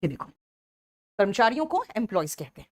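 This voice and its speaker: This is an energetic exam-prep vocabulary class led by a woman with a medium-pitched voice. She refers to her students as "beta" and dictates the English definitions slowly.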